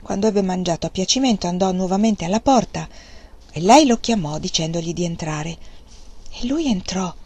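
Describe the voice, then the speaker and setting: A woman reading a novel aloud as audiobook narration, measured and expressive. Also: fairly low pitch, breathy edge. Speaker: reader of a novel.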